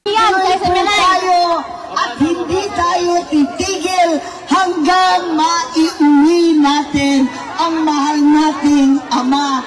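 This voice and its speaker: Rally speaker, male, very high-pitched, slow shouted delivery, distant mic over a roaring crowd. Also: fairly even intonation. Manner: shouting slow chant-like slogans. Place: outdoor rally.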